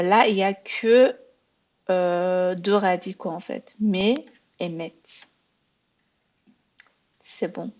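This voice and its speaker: Slow-spoken woman teaching beginner French. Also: medium pitch, a little mellow, highs cut off. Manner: patient, thinks aloud and corrects herself. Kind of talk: beginner language lesson.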